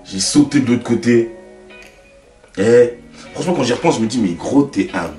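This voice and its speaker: A young man with a French accent, a YouTuber telling stories in a casual, slangy, animated way and talking straight to the viewer. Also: mid-range voice, normal speed, recorded from a distance. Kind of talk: casual storytelling to camera. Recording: roomy, away from the mic, faint music.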